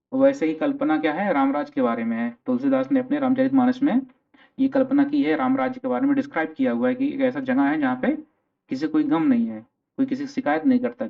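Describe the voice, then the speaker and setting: A man's voice: fairly high pitch, gravelly. A male teacher with an Indian English accent gives a vocabulary lecture in mixed Hindi and English, asking and answering his own questions. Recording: tinny phone-like sound.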